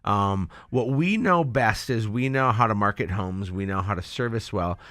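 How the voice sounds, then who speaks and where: A man's voice: lowish voice, moderate pace, fairly bright tone, no echo. A man hosting a radio talk show, upbeat and salesy, with a slightly nasal voice, speaking from a studio. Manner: upbeat, salesy, stumbles over words. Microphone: studio mic.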